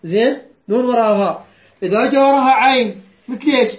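A man's voice: extremely high pitch, quick pace. A man leads a Quran recitation lesson, drilling rules and calling on students to answer back. He repeats each point patiently. The recording is dull and lo-fi, with a roomy echo. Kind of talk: tajweed lesson with call-and-response drills.

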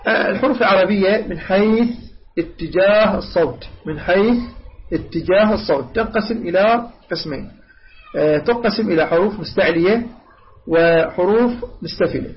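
Man, recitation teacher, high voice, patient, draws out sounds, muffled lo-fi audio. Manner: patient, slowly drawing out and repeating sounds to demonstrate them. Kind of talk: tajweed lesson. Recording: dull lo-fi recording.

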